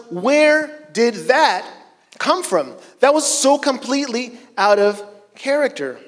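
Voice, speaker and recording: A middle-aged pastor preaching a casual sermon on a church stage with a handheld mic, telling personal stories in a conversational, self-deprecating way. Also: male voice, very high voice, fairly bright tone. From Chile. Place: church stage, large hall. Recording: long church hall reverb.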